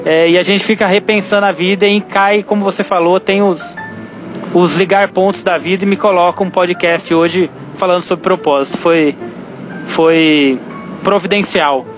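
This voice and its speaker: A Brazilian man in his thirties calling in on a speakerphone from his car, talking in an earnest, halting way with restarts and mild swearing. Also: high-pitched, a bit bright. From Campinas, Brazil. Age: 30s. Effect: phone call on speakerphone while driving. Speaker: caller. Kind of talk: casual phone message to a podcast host.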